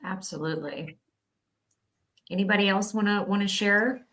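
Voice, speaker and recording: A woman's voice: mid-range voice, normal speed, fairly bright tone. A woman moderating a panel discussion, upbeat and encouraging as she hands over to speakers.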